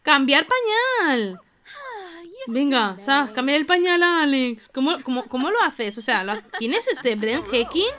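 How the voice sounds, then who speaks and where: A young woman with a Spain Spanish accent giving casual let's play commentary, expressive and exclamatory, often laughing. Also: high-pitched, a little slow. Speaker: gaming youtuber.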